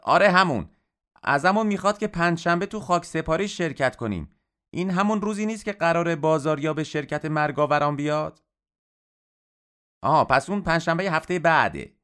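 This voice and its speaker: A man voicing a brisk, businesslike middle-aged woman shopkeeper on the phone in an audiobook. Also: on the high side, fairly bright tone, clean tone, voice pushed up, lightly acted. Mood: calling out.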